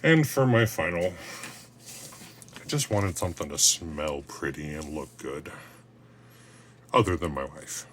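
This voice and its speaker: A man with a deep, low voice chats his way through a gardening vlog at home. He rambles, pokes fun at himself and drops corny dad jokes, with a faint hiss behind him. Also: lively intonation, a little slow, long pauses, fairly bright tone. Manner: rambling, self-mocking, cracks dad jokes. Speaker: gardening vlogger. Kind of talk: casual how-to vlog.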